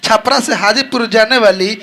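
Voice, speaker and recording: Casting: man putting on a formal station announcer booming over a PA system, high-pitched, in a comic sketch. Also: normal speed. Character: male railway station announcer, formal and flat. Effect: station loudspeaker announcement.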